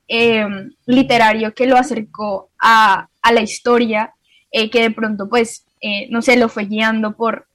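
A woman panelist on a radio show, speaking warmly with hesitant fillers. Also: fairly high pitch, no echo. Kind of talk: radio chat.

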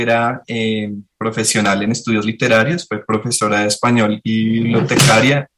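A male professor answers questions in a low voice. His delivery is flat and thoughtful, broken by hesitant fillers. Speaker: history professor guest. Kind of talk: interview answers.

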